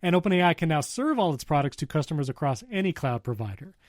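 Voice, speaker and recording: A man's voice: fairly high pitch, animated, fast talker, no room sound, clean studio sound. A man co-hosting a casual tech talk show, chatting and laughing often as he reads out the news. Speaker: podcast co-host.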